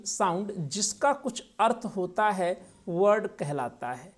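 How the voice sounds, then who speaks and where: A man teaching a recorded grammar lesson, explaining patiently, asking his viewers questions and repeating each term in two languages. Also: sits high. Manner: repeats terms in both English and Hindi.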